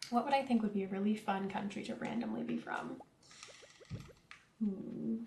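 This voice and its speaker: In a casual gameplay stream of a farming game, a young central Canadian woman talks to viewers, reads chat out loud and slips in giggly remarks. She speaks at a moderate pace in a medium-pitched, creaky, somewhat mellow voice, with reverb and faint background noise.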